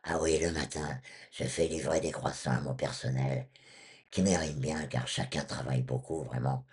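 A man with a honking, duck-like, husky voice from vocal cord surgery, telling anecdotes as an interview guest. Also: very deep voice, steady tone, normal speed, darkish tone. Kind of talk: storytelling in an interview.

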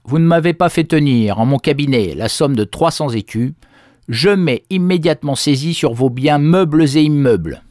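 A man's voice: fairly high pitch, animated, normal speed, darkish tone, no echo, pitched above the performer's own voice, natural voice. Man putting on a brusque sergeant, officious and clipped, dry sound. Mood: curt. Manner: curt, officious. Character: brusque stern male gendarme sergeant.

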